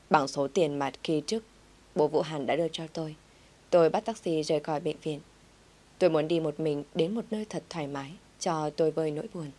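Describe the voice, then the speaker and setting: A woman narrating an audio story in a gentle, reflective first-person reading. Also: low-pitched.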